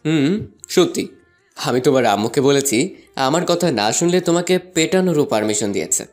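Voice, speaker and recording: A man's voice: a little high, lively intonation, normal speed, a little mellow, faint music behind, natural voice. A young man narrating a first-person love story and voicing a playful, teasing student in an audio drama. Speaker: narrator and lead voice actor.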